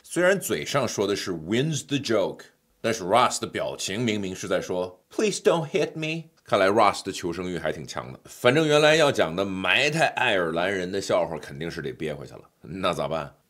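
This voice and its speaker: A man's voice: low voice, animated, normal speed, fairly bright tone. A middle-aged man narrating a pronunciation lesson, joking with the viewer in playful asides. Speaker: English pronunciation teacher. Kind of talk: scripted lesson voice-over.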